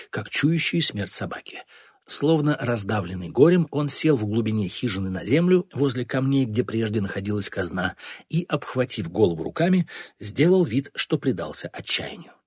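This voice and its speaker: A man narrates a storybook with expressive, lively delivery, his pitch rising and falling widely. His voice is husky and the sound is dry and close. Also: no echo. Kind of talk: storybook reading.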